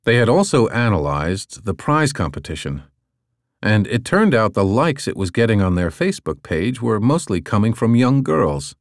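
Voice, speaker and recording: Male audiobook narrator, low and dry. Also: sing-song, normal speed, no room sound. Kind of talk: scripted narration.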